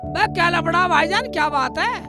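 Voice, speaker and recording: A man's voice: very high-pitched, moderate pace, loud music behind the voice. A man playing a bumbling, melodramatic village husband in a slapstick comedy film, whining and wailing. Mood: coaxing. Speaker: comic lead.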